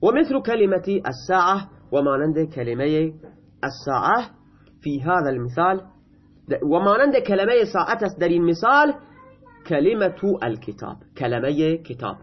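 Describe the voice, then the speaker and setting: An Arabic grammar teacher whose first language is Persian reads a line of text aloud, then patiently explains it in his own words. His voice is husky, fairly high and sing-song, and the recording sounds a bit muffled and lo-fi.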